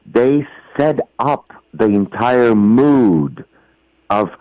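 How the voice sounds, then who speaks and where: A man's voice: mid-range voice, lively intonation, very slow, no echo. Effusive Bulgarian-accented man on a phone line. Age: middle-aged. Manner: effusive, emphatic, non-native phrasing. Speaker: actor guest. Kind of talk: phone interview.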